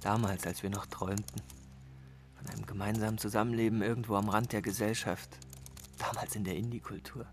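A man's voice: on the low side, little pitch movement, fairly quick, soft background music, lightly acted. A man playing a sardonic, lecturing cynic about love. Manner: sardonic, lecturing, swings from hushed to emphatic. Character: cynical man, calls himself a love professional. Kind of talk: radio play dialogue.

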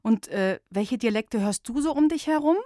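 A playful woman hosts a kids' radio show. Her voice is fairly high and very lively, recorded dry and close on a studio microphone. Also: normal speed, dry recording. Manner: playful, chatty, laughs easily. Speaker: children's radio host. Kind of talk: lively children's radio hosting.

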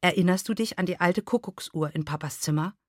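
A woman's voice: medium pitch, very animated, measured pace, a bit bright, dry recording, clean studio sound. A woman reading the lines of a stern, anxious elderly mother in a literary reading. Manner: stern, agitated.

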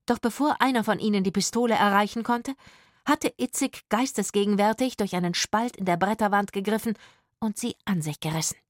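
A woman narrating a children's story in an expressive, lively manner. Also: medium pitch, fairly quick, no room sound, studio quality.

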